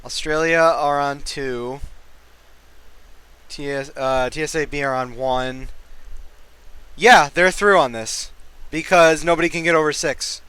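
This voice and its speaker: A man commentating a streamed football match, sleepy and given to yawning yet still joking and rambling between plays. His voice is bright, forceful and smooth, and sits a little on the high side. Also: a little slow, long pauses, no room sound. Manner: jokey, rambling asides, laughs often.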